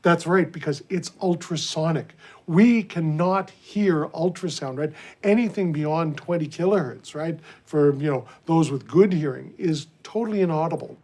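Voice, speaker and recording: Higher-voiced man explaining conversationally. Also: normal speed, a little mellow. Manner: checks in with tag questions. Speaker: scientist, interviewee.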